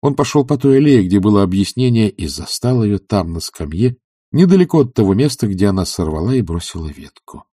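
A man narrating a classic novel as an audiobook, measured and expressive. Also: on the low side, breathy edge, no room sound, studio quality. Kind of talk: literary audiobook reading.

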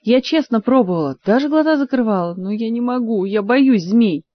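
A woman's voice: a little high, animated, moderate pace, lo-fi sound, pitched above the performer's own voice, natural voice. A woman reading aloud and voicing a tearful, timid young woman who sniffles and whines. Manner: sniffling, whiny.

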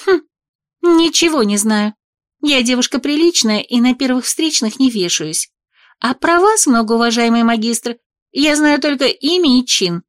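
A woman reading an audiobook voices a spirited young woman, speaking high and indignant with a mocking edge. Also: measured pace, darkish tone, no echo, clean studio sound. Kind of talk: audiobook character voice.

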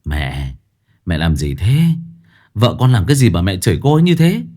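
A meek young husband, as a storyteller puts him on, speaking low and softly. He hesitates and stammers, placating everyone, his voice slightly husky. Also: big pitch swings, normal speed. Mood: pleading. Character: meek young husband caught between mother and wife.

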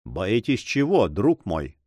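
Audiobook: an ardent, pleading young hero, read by a male narrator, animated delivery. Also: on the low side, slow pace, dry recording, exaggerated voice. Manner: fervent and pleading. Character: passionate young man, ardent lover. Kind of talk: audiobook reading.

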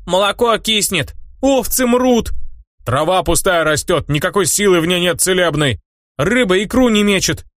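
A spiteful old village wise woman, as a male narrator puts her on, all shrill accusations and drawn-out complaints. Her voice rides well above a man's usual pitch, and the recording is dry and close. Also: fairly bright tone, dry recording. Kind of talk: audiobook character voice.

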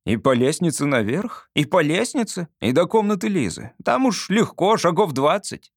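A man voicing an eager, boastful little boy who chatters excitedly in a high childish voice. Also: moderate pace, breathy edge, no room sound, clean studio sound, heavily acted.

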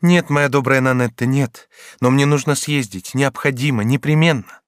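A man's voice: medium pitch, clean tone, no echo, studio quality, pitched above the performer's own voice, close to an everyday voice. A man voicing a resolute, grave young woman in an audiobook, speaking firmly and earnestly. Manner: firm, earnest, measured.

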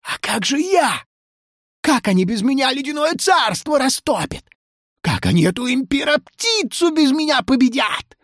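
A storyteller voicing a boastful three-headed male dragon, indignant and quick to take offence. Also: sits high, very animated, a bit bright, no echo, studio quality, pitched above the performer's own voice, full character voice. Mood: huffy. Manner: indignant, huffy.

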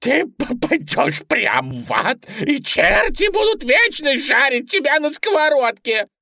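A tiny male chocolate bunny screams, begs and curses in a thin, squeaky voice that leaps far above normal speech, put on by a woman narrator. The sound is dry and close. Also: very animated, measured pace, pushed and bright, no echo, exaggerated voice. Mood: anguished shrieking. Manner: squeaky, wailing, cursing. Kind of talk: storybook narration.

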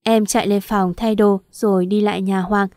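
A woman's voice: mid-range voice, flat delivery, normal speed, darkish tone, no room sound, studio quality. Woman reading a tearful love story. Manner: emotional, voices the quarrels and crying. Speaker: audiobook narrator. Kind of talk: first-person story reading with dialogue.

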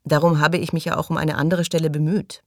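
A woman reading an audiobook and voicing a calm, self-assured man who speaks in a measured, unruffled way. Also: deep voice, no echo.

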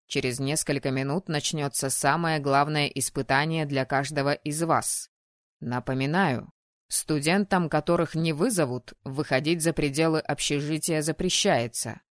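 A woman's voice: sits low, no echo, studio quality, voice pushed down, close to an everyday voice. Woman voicing a stern male dean. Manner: formal, measured announcements. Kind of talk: audiobook character voice.

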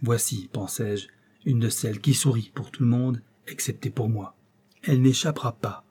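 A man voicing a lonely, vengeful male creature in a storybook reading, with a grave, measured delivery. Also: mid-range voice, mellow, slightly rough, lightly acted. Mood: bitter.

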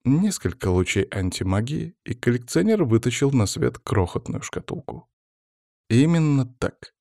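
A man narrating a fantasy audiobook in the first person, in an even, measured storytelling manner. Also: medium pitch, vocal fry, dry recording, clean studio sound.

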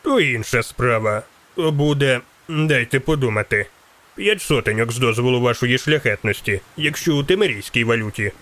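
A man's voice: mid-range voice, lively intonation, normal speed, a bit bright, natural voice. A man voicing a greedy, fawning middle-aged merchant with a slightly rattly voice, speaking in a wheedling, servile way.

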